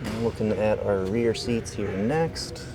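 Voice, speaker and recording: At a dealership, a car salesman walks around a vehicle giving a casual tour, speaking plainly and easily with lots of fillers. His voice is on the low side and his pace measured, with a noisy background.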